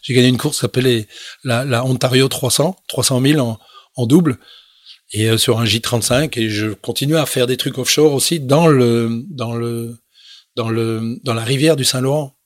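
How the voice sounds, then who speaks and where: Middle-aged French sailor guest, halting and rambling, dry studio mic. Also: male voice, medium pitch, fairly even intonation, no room sound. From France. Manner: rambling, many fillers and restarts. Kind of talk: casual interview storytelling.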